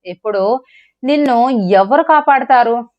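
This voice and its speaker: Scheming villain cop, menacing and quiet, read by a woman, slightly high, dull lo-fi sound. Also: natural voice. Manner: menacing, low and measured. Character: scheming cruel male police officer. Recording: dull lo-fi recording.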